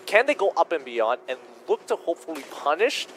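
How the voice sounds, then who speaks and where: A man's voice: on the high side, sing-song, a little fast, a bit bright, a little hiss or hum. A man co-casting a mobile esports match, mixing game analysis with teasing banter. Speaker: esports caster. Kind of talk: casual esports commentary.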